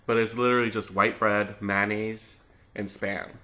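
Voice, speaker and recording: A man chatting casually as a mukbang host, musing out loud in a loose, tentative way. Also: lowish voice, level tone, normal speed. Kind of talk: casual chat over a meal.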